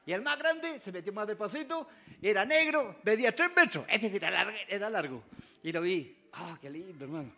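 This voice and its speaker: A man with a Chilean accent, a missionary preacher telling a folksy testimony to a congregation, often calling listeners "brother" and bursting into loud exclamations. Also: high voice, lively intonation, brisk, vocal fry.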